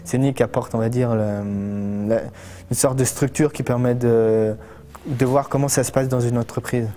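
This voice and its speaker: Hesitant man with a mellow voice. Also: medium pitch, steady tone, moderate pace. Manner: hesitant, searching for words. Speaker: interviewee. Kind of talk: interview answer.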